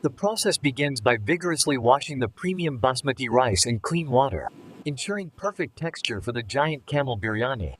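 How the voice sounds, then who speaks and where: A man's voice: medium pitch, expressive, normal speed. A man reading scripted narration about a process, in the manner of a factory video narrator. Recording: faint background noise.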